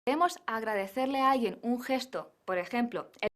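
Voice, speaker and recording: A woman giving a scripted English lesson, modelling phrases slowly and carefully. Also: on the high side. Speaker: English teacher.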